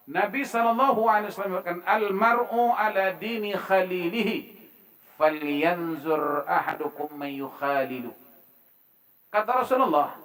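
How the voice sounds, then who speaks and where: A man giving a religious talk at a mosque forum. He preaches with lively swings between loud emphasis and quiet asides, and acts out everyday dialogue to make his points. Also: high-pitched, low-quality recording. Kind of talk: Islamic religious talk to a congregation.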